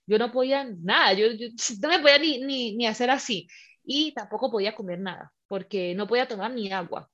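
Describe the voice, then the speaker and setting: Animated high-pitched woman, muffled recording. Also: brisk. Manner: animated, acts out the scenes with her voice. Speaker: guest telling her birth story. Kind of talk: casual personal storytelling.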